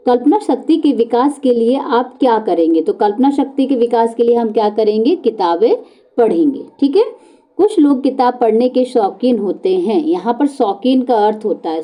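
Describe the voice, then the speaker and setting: A woman's voice: on the high side, mellow. A woman teacher taking children through exam questions, asking questions aloud and answering them herself, repeating key answers and dropping her voice to confirm the correct option. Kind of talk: exam-prep lesson walking through multiple-choice questions.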